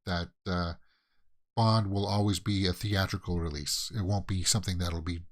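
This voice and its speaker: A man's voice: sits low, fairly even intonation, moderate pace. A Canadian man hosting a casual movie news show, rambling through headlines with plenty of fillers and restarts. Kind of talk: casual solo commentary.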